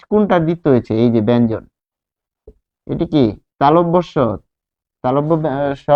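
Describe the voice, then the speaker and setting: A male teacher giving a grammar lesson who explains slowly, repeats key words and asks the class questions. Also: on the high side. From Bangladesh. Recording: dull lo-fi sound.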